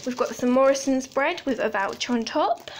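A woman's voice: sits high, normal speed, background noise. A young woman from the UK chatting casually through a grocery haul, listing items with small asides, recorded on a phone in her home kitchen. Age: 20s. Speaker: vlogger.

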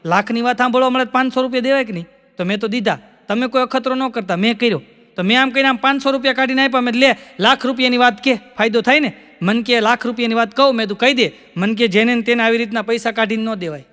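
A man's voice: very high-pitched, racing, bright, forceful tone. A man with a Gujarati accent telling folksy comic stories as a stand-up act, playing both sides of each joke and often repeating lines for effect. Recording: long hall reverb.

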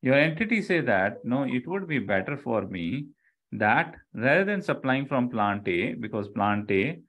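Unhurried and fairly bright in tone, this middle-aged man's medium-pitched voice swings widely in pitch as he gives a live online lecture in an Indian accent. He explains step by step, repeating key phrases and checking in with "okay" and "right."

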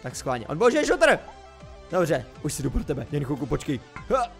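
A young male gamer with a fairly high voice talks through a game in a casual, joking way, dropping to low mutters and then jumping up into excited yelps. Background music plays softly under his voice. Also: gravelly. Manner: excitable, jokey, swings between muttering and yelping. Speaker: gaming YouTuber.

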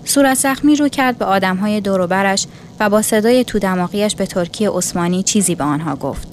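A woman narrating a literary story in a measured reading voice. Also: medium pitch, slight background noise.

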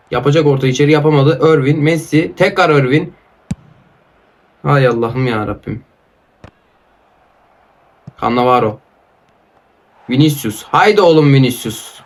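A man giving live commentary on a mobile football game, calling out player names and ranting at his opponent in exasperation. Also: medium pitch. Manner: calls out player names in short bursts. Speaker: mobile football gaming YouTuber.

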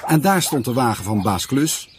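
A man's voice: medium pitch, big pitch swings, moderate pace, slight background noise. A man narrating a children's cartoon in a scripted storytelling voice.

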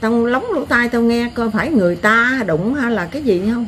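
An older woman with a Southern Vietnamese accent, telling stories in a blunt, earthy, animated way as an interviewee. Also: on the high side, normal speed, slight background noise. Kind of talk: rural storytelling.

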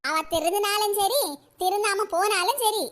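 Cartoon gossip auntie with a Kanyakumari Tamil accent, very high and squeaky, nosy and scheming. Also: normal speed, a bit bright. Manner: nosy, scheming, mock-sympathetic. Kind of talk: cartoon comedy voice acting.

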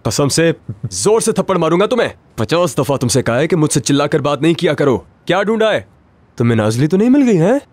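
A man's voice: medium pitch, lively intonation, moderate pace, pauses often, darkish tone, no echo, lightly acted. A man dubbing a brash, short-tempered villain boss in a TV drama, pining and bossing his helper around. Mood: irritated. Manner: bossy, short-tempered, threatening. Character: brash obsessed male villain boss, lovesick for Nazli. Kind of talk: Urdu dub of a TV drama.

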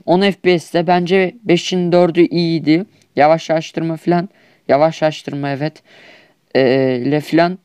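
A man's voice: a little high, darkish tone, clear, resonant tone, no echo, clean studio sound. A young man with a Turkish accent, trash-talking over mobile shooter gameplay in a whiny, exasperated comedic skit. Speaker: gaming YouTuber.

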